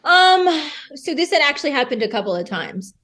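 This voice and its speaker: Young woman guest, a little high in pitch, speaks openly and emotionally in a rambling, chatty way. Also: big pitch swings, normal speed, a bit bright. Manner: open, emotional, fills with "like". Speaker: podcast guest. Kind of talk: candid personal storytelling.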